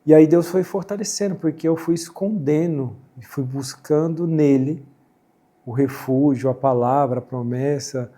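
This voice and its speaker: A middle-aged Brazilian man, a former footballer, talking reflectively about faith in a casual conversation and quoting scripture, with a husky voice. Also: fairly high pitch, unhurried, warm tone. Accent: Brazilian Portuguese. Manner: reflective, quotes scripture, many "né" and "assim" fillers. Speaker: guest, former footballer and speaker.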